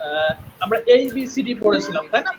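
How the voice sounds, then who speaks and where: A man's voice: high-pitched, lively intonation, noisy background. A man teaching an online spoken English class, patient and repetitive, often checking in with his students. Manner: patient, repeats sounds slowly, checks in with "right?". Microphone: headphones on a video call.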